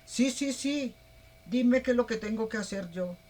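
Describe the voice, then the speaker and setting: A woman's voice: a little high, measured pace, darkish tone. A woman voicing a humble talking idol. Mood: eager.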